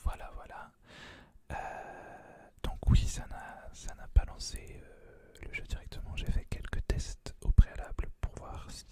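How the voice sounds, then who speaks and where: A host whispering right into the listener's ear in informal, rambling ASMR gaming commentary, with some hesitation. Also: measured pace.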